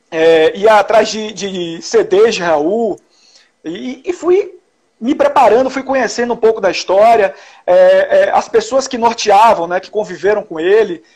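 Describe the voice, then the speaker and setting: A Salvador-born journalist with a Bahian Portuguese accent shares stories as a guest in a casual interview conversation, marked by many restarts and tag questions. His voice is high, a little mellow, and husky.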